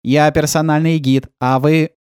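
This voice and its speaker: A reader voicing a proud, pompous male robot guide who talks slowly and self-importantly, in an audiobook. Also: medium pitch, little pitch movement, a little mellow, clean tone, no echo, clean studio sound, voice pushed up, lightly acted. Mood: huffy. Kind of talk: audiobook role-play.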